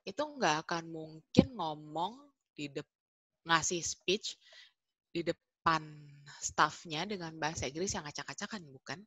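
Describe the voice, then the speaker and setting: A woman English tutor answering webinar questions in a chatty, animated way, often correcting herself. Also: low voice, husky, no room sound, low-quality recording.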